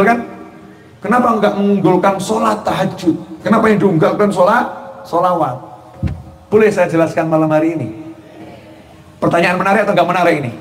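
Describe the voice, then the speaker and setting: A man with a high voice preaches a sermon, asking rhetorical questions and chuckling as he goes. He stretches out key phrases and suddenly raises his voice for emphasis. The sound rings through an echoey hall.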